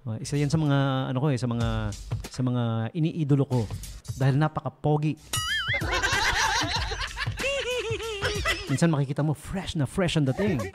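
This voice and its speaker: A man's voice: a little high, huge pitch swings, a little slow, long pauses, loud music behind the voice. A man with a Filipino accent, a radio DJ chatting casually on air, joking and laughing often. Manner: jokey, laughs often, mixes English into Tagalog. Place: radio studio.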